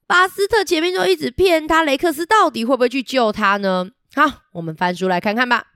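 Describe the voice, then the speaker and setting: Lively woman reading a picture book to kids. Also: high voice, a little fast, smooth, no room sound, studio quality. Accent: Taiwanese Mandarin. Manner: lively, asks children questions. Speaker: children's storyteller.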